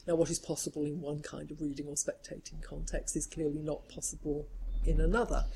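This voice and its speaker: Gravelly, mellow woman with faint hiss. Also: deep voice, level tone, poor audio. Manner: measured, reflective, builds long sentences. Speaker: scholar. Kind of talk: academic discussion. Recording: faint background noise.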